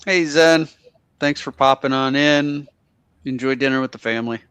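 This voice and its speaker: A man's voice: medium pitch, moderate pace, fairly bright tone, clear, resonant tone, no room sound. A man chatting casually as co-host of a live stream, greeting viewers and talking with his partner.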